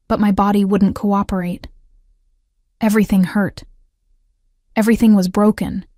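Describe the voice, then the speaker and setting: A woman storyteller reading a dark romance story in the first person with a measured, steady delivery. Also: mid-range voice, no echo, clean studio sound.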